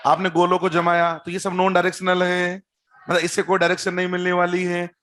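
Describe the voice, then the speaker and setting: A man gives a chemistry lesson in a fairly high voice. He builds each point slowly, repeats key words and fires quick questions at his students. Now and then he drops a teasing joke. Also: completely flat delivery, fairly bright tone. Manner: explains step by step, repeats key terms, quizzes students; teasing, joking asides. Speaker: chemistry teacher. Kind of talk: classroom-style lecture at a board.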